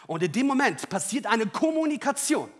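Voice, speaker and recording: A man with a high-pitched voice preaches to his congregation. He drives his points home with loud, rising emphasis. He then drops into quiet, wry personal asides and jokes. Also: sing-song, a little fast. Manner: personal and joking. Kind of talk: sermon.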